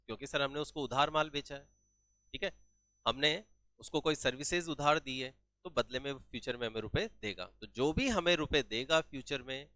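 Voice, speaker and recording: Man, accounting teacher, bright forceful voice, dry close sound, quizzes then answers himself. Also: on the high side, dry recording. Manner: asks questions and answers them himself, repeats key terms. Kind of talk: classroom-style lesson.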